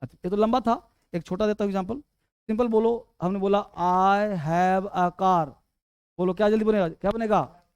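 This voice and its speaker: Man, grammar teacher, quizzing, smooth voice, dry sound. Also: high-pitched, fairly even intonation, darkish tone, no echo. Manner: quizzing, repeatedly urging quick answers. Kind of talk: classroom lesson.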